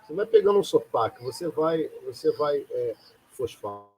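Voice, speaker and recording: On a low-quality recording with a little hiss or hum, a Rio de Janeiro man speaks at normal speed in a high-ish, very animated, darkish voice. He's hosting a live talk, lecturing informally in a rambling, conversational style full of rhetorical questions.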